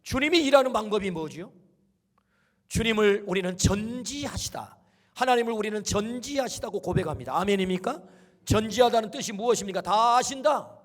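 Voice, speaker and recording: A middle-aged male pastor delivering an exhorting sermon, calling the congregation to answer amen. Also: high voice. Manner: exhorting, call-and-response with amen. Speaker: senior pastor.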